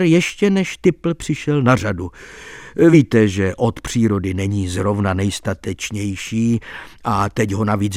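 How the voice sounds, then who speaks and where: A man reading an audiobook voices a lively male court clerk who relishes telling a scandalous tale. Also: medium pitch, no echo, studio quality, natural voice.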